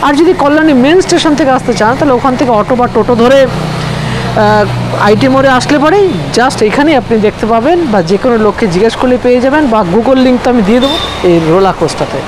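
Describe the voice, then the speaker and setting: A woman vlogger, speaking through a face mask as she briskly tells viewers how to reach a restaurant. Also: high-pitched. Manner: brisk, guide-like, giving directions to viewers. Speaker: food vlogger. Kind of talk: casual food vlog, addressing viewers. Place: outdoors on a street by a restaurant. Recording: loud street traffic behind. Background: passing vehicles and street noise.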